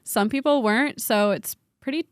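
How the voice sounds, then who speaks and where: A woman in her twenties co-hosting a podcast, chatting casually with wry, deadpan asides. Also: fairly high pitch, moderate pace, no room sound, clean studio sound. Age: 20s. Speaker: podcast co-host. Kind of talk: casual chat.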